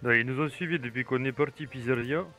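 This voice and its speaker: A man in a game role-play, talking in halting, broken French as his character. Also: medium pitch, sharp tone, soft background music.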